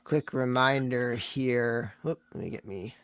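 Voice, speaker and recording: A man's voice: mid-range voice, unhurried, a bit bright, clean tone, dry recording. A man hosting a casual livestream, chatting loosely and running a prize drawing over a call. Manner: chatty, runs a giveaway drawing. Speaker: livestream host.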